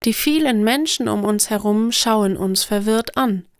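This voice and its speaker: A woman narrating stories for language learners in a slow, clear, deliberate scripted reading. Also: medium pitch, no room sound, clean studio sound.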